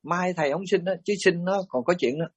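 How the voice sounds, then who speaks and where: A middle-aged man, a Buddhist monk giving a storytelling dharma talk, animated and blunt as he acts out quoted exchanges. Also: high voice, fairly quick, husky, no room sound, muffled recording.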